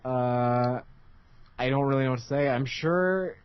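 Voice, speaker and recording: A man's voice: medium pitch, measured pace, clean tone. A man co-hosting a casual gaming podcast, rambling with a wry, offhand manner. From United States. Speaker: podcast co-host. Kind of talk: casual chat. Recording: dull lo-fi podcast mic.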